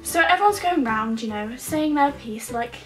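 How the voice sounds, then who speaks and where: A young woman telling a comic personal story to camera in an animated, self-deprecating way. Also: sits high, moderate pace, soft background music. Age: young adult. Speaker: vlogger. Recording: echoey room.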